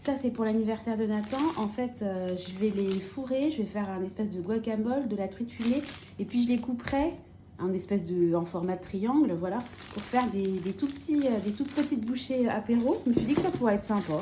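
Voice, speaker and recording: A woman's voice: mid-range voice, brisk, warm tone, slight background noise. A woman in her thirties chatting casually at home as a family vlogger, unpacking a grocery haul with many fillers and restarts. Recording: echoey room with faint ambience.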